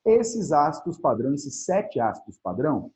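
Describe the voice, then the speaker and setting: A man's voice: on the high side, sing-song, moderate pace, warm tone. A man with a Brazilian Portuguese accent teaching a chemistry video lesson, asking himself questions and answering them. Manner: explanatory, asks and answers his own questions. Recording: muffled lo-fi audio.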